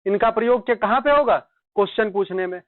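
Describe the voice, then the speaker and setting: A man teaching grammar, slowly dictating examples and quizzing students with repeated questions. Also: high-pitched, no room sound. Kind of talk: classroom lecture in Hindi with English examples. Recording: dry tinny lo-fi sound.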